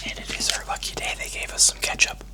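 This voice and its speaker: Unhurried ASMR food vlogger, fully whispered. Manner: whispering throughout, unhurried, casual and chatty. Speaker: mukbang video host.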